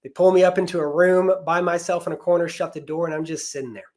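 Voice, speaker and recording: A man's voice: on the high side, fairly even intonation, fast, darkish tone. A man in his thirties, a podcast guest, earnestly telling an emotional personal story about loss and faith.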